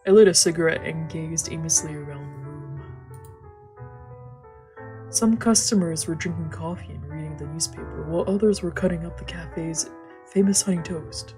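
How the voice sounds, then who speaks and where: A low-pitched woman streams a visual novel as a let's play, reading its narration aloud at a moderate pace and adding casual commentary. Game music plays behind her voice.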